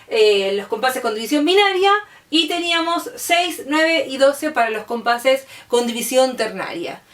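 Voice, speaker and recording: Teaching music to her class, a woman with an Argentine accent explains things patiently and in steps, often asking "¿sí?". Her voice is high with a fairly bright tone, and the recording sounds roomy and distant.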